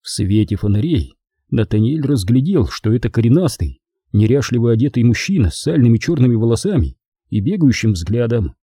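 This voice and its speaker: A man reads an audiobook with an expressive, dramatic delivery and a lively pitch. His voice is dark and husky, and the recording is close and dry. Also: a little fast, dry recording. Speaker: audiobook narrator. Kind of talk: audiobook narration.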